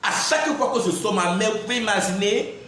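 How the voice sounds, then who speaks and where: A man's voice: high-pitched, brisk, fairly bright tone. A man giving a defiant live-stream monologue, repeatedly insisting "I'm sorry" and "in fact.". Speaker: livestreamer. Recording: very echoey room, faint background noise.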